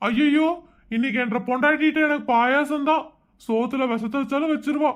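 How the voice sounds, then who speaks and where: A woman's voice: high voice, brisk, natural voice. A woman voicing a jittery cheating husband. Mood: nervous, defensive. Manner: nervous, flustered, making excuses. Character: sheepish husband caught out, evasive man. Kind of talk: cartoon voice acting.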